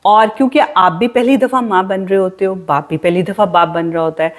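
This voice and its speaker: A woman, co-hosting a casual podcast chat and telling stories with animation. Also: mid-range voice. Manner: animated storytelling, voice rises as she relives her worries. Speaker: podcast co-host.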